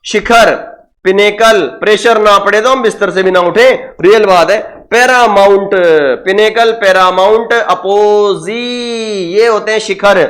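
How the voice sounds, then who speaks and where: High-voiced Indian man teaching with jokes. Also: fairly even intonation, measured pace, a bit bright. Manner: playful, jokey, repeats answers as quiz prompts; sings song snippets and makes sound effects. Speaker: English teacher. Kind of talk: online exam-prep lesson.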